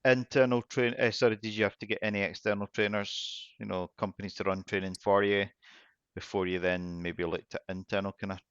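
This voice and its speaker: Man, very deep, chatty, dry recording. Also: flat delivery, a little fast, fairly bright tone, clear, resonant tone, no room sound, highs cut off. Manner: friendly, chatty, rambling questions. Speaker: assessor interviewer. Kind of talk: conversational interview.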